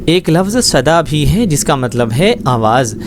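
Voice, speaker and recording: A man's voice: on the high side, animated, noisy background. A man teaching a schoolbook Urdu lesson, explaining words patiently and often checking that students follow. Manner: patient, explains slowly with frequent check-ins.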